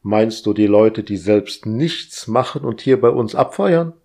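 A man's voice: lowish voice, lively intonation, measured pace, gravelly, a little mellow, heavily acted. A man voicing a weary man at home who talks in a dry, sarcastic way.

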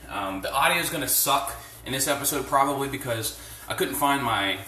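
A man's voice: mid-range voice, lively intonation, normal speed, bright, forceful tone, distant mic, a little hiss or hum. Man ranting into a phone in an echoey room. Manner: profane and blunt, with many fillers. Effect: echoey room sound. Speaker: podcast host. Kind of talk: casual rambling rant. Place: home, doing chores by the sink. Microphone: phone without headset.

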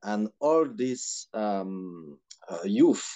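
A man from Benin with a Beninese French accent gives reflective interview answers in measured, hesitant phrases with frequent pauses. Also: fairly low pitch, big pitch swings, mellow. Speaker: podcast guest, historian and activist.

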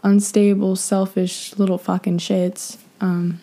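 A young woman talks casually and frankly on her podcast, swearing often and wandering through her thoughts. Her voice is mellow and dark, with a gravelly, creaky texture. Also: medium pitch, level tone, slow pace. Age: young adult. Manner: frank, profane, rambling with many fillers. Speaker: podcast host. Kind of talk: casual advice monologue.

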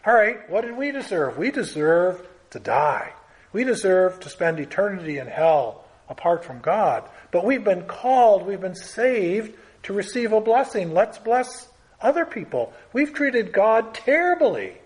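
Male preacher, slightly high voice, emphatic and earnest Bible teaching. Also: expressive, a little slow, darkish tone. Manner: earnest, emphatic, with lists and rising stresses.

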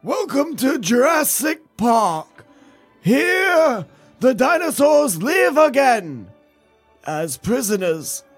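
Slow, high-pitched old man. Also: very animated, slightly rough, faint music behind, full character voice. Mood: grand, proclaiming. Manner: loud, slow, emphatic proclaiming. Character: old man theme park guide, grand and halting. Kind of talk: comedic script reading in a put-on voice.

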